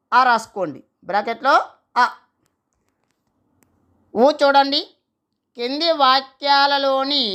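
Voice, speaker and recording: A woman's voice: high-pitched, fairly bright tone, smooth. A woman teaching a Telugu grammar lesson, dictating each answer and repeating it so students can write it down.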